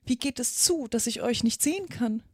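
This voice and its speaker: A woman's voice: fairly high pitch, expressive, normal speed, slightly rough, dry recording, clean studio sound, voice pushed up. A woman voicing an earnest, easily flustered little girl in a storybook reading, protesting indignantly. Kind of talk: audiobook character reading.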